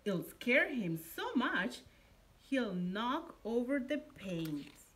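A middle-aged woman reading a picture book aloud to young children in an expressive, deliberate storytelling manner, like a preschool teacher. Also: a little high, rough recording. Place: indoor classroom. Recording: noticeable steady room background noise.

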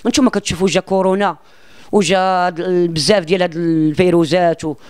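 A man's voice: high-pitched, steady tone, fast talker, darkish tone, clean tone. A man with a Moroccan accent being interviewed about his singing, talking in a boastful and rambling way and often restarting his words. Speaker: self-described singer being interviewed. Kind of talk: casual interview talk.

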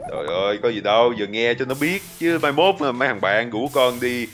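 A man voicing a doting father in a game role-play video, teasing and animated. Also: medium pitch, brisk, natural voice. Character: doting middle-aged father of a boy. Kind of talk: playful role-play banter. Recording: game music playing behind.

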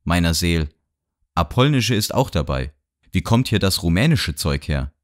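A man voicing a talkative middle-aged gentleman on a train who rambles and lectures cheerfully. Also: low-pitched, very animated, normal speed. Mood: boastful. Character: chatty middle-aged gentleman traveler, boastful and nosy. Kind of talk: audiobook character voice. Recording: dry studio sound.

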